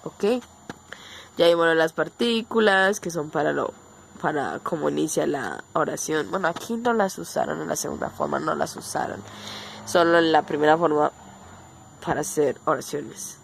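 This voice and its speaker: A woman with a Colombian Spanish accent gives a relaxed online language lesson in a slightly low voice. She explains each point step by step and keeps checking that her viewers are following along. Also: moderate pace, creaky, a little hiss or hum. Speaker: Korean language teacher.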